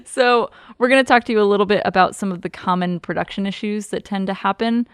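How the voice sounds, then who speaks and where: Bubbly woman with a smooth voice. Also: mid-range voice, quick pace, no echo, studio quality. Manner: bubbly, laughs often, upbeat. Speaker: podcast co-host. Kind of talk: casual chat.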